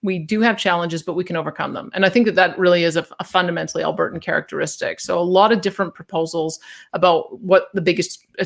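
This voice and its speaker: A Canadian woman from Calgary, a guest talking earnestly in an interview over a video call, often repeating words as she thinks. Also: lowish voice. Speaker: guest, policy paper author. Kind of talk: conversational interview answers.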